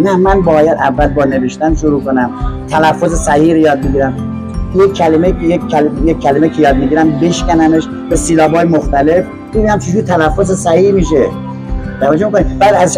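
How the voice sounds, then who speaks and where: Older man teaching in a fairly high voice. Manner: didactic, keeps checking that the listener is following. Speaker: guest, language teacher. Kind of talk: podcast interview.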